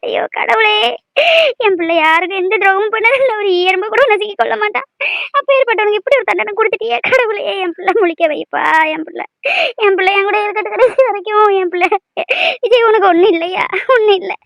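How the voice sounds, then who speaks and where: A woman's voice: very high voice, fast talker, dry recording. A woman voicing a grief-stricken mother who cries and pleads at her injured son's bedside in a cartoon. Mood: sobbing. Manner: sobbing, pleading, then soothing. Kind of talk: cartoon voice acting.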